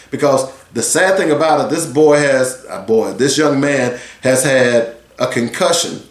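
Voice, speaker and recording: A man's voice: mid-range voice, reverberant. A man in his sixties talking earnestly as a sports radio host, rambling and conversational. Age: 60s. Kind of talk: solo talk radio commentary.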